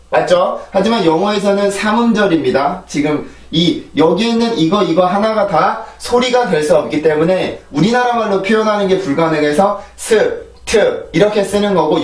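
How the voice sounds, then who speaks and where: A man's voice: sits high, echoey room, recorded from a distance. A man teaching English pronunciation in an online lesson, patiently repeating each drill word several times. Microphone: small clip-on mic with phone camera.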